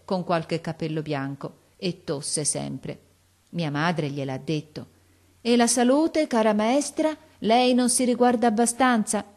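Woman reading an old novel aloud, lowish voice, measured and expressive. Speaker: audiobook reader. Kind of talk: scripted narration of a classic novel.

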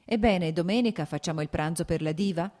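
A woman reading the lines of a young aristocratic officer in an audiobook, relaxed and lightly amused. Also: on the low side, fairly quick, natural voice.

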